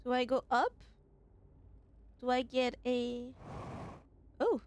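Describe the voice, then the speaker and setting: High-voiced woman musing over a game. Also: fairly even intonation, slow, darkish tone, a little hiss or hum. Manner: musing aloud with many questions. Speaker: streamer. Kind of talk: casual gameplay commentary.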